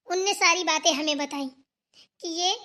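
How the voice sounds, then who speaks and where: A woman doing a sharp-tongued young sister-in-law. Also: very high-pitched, unhurried, heavily acted. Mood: explaining. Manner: sarcastic, retorting. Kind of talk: cartoon voice acting.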